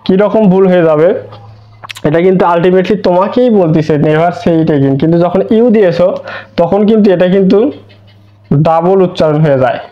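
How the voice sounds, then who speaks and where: A man's voice: high-pitched, normal speed. A man teaching an online English grammar lesson, explaining step by step with repeated words and rhetorical questions. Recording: dull lo-fi recording.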